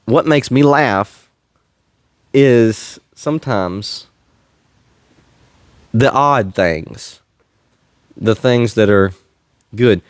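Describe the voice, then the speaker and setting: A man hosts a faith-based podcast, chatting casually in an earnest, somewhat preachy way and chuckling often. His voice is fairly low-pitched, with no echo.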